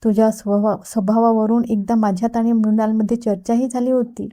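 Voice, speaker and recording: A woman's voice: on the high side, flat delivery, a little fast, warm tone, natural voice. A woman voicing a playful, insistent young woman who teases her brother, read in an audiobook. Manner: teasing and insistent. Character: young woman, teasing playful sister figure.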